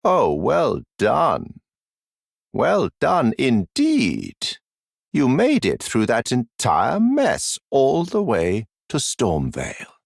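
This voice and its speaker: A man voicing a condescending, smoothly sinister masked mentor in a dark fantasy game, with mock-sympathetic, theatrical, deliberately drawn-out phrasing. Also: mid-range voice, wildly swooping pitch, dry recording, studio quality, heavily acted. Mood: sarcastic praise.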